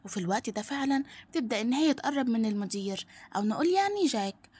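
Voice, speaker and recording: A woman with an Egyptian accent recaps a drama plot in one long run-on telling. She talks very fast with a husky edge. Her voice sits a little high. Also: animated, darkish tone. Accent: Egyptian Arabic. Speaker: narrator.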